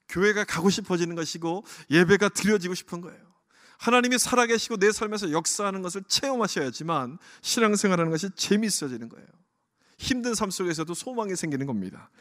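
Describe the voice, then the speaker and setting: A man's voice: high voice, fairly bright tone. Man preaching in a reverberant church. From Korea. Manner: earnest, asks the congregation questions. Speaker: pastor. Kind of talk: sermon. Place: church sanctuary. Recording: long church hall reverb.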